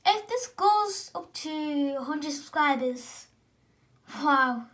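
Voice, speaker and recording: A female gaming vlogger who sounds excited as she unboxes and talks through a new console in a casual, rambling way, often correcting herself mid-sentence. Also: high-pitched, takes it slowly. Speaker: gaming channel host.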